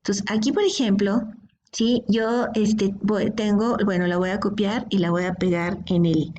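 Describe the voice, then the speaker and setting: In this screen-recorded programming lesson, a woman explains the material step by step and keeps checking in with "¿sí?" and "¿de acuerdo?". She speaks at a measured pace in a steady, medium-pitched, slightly mellow voice, and the audio is dull with slight background noise.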